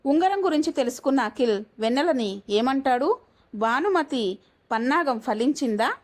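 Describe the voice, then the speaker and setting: A woman narrating a family story in an even, scripted storytelling manner. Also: high-pitched, moderate pace.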